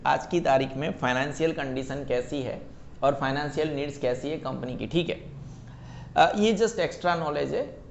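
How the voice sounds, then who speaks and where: Gravelly male teacher giving a lecture. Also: fairly high pitch, a little hiss or hum. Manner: reads English terms slowly, checks students understand; addresses students as beta. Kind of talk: class lecture.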